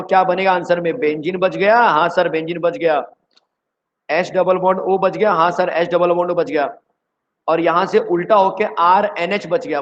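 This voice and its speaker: A man from India teaching chemistry in an energetic online exam-prep lecture, who keeps quizzing his students. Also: high voice, lo-fi sound, a little hiss or hum.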